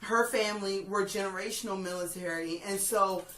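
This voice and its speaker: A woman hosting a music review, chatting casually and giving opinions in an emphatic, halting way that repeats phrases. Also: medium pitch, fairly even intonation. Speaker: host of a music review video. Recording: roomy, distant mic, faint noise.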